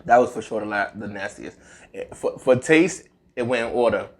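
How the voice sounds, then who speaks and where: A woman's voice: extremely low pitch, lively intonation, normal speed. A young woman co-hosting a casual food-tasting video, blunt and profane and laughing often. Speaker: co-host. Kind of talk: casual chat.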